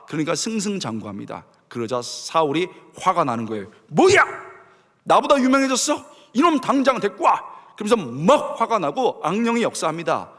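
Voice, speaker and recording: Animated male pastor in an echoing hall. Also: high voice. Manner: animated storytelling, acting out quotes and sound effects. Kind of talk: sermon. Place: church sanctuary. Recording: long reverb of a church hall.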